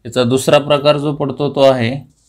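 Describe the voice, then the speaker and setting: A young man with a Marathi accent teaching a grammar lesson, saying key terms slowly, repeating them, and asking questions that he then answers himself. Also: medium pitch, flat delivery.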